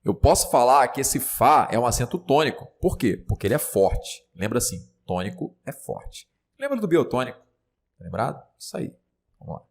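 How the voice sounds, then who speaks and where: A man with a Brazilian Portuguese accent teaching a grammar lesson in a chatty classroom style, often checking in with his students. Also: mid-range voice.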